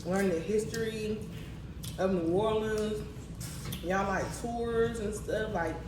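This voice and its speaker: An American woman casually chatting to viewers while eating, with savoring mms and animated, slangy talk. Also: medium pitch, takes it slowly. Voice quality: talks with mouth busy eating, frequent savoring mms. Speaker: mukbang vlogger. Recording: roomy, distant mic, clear background noise.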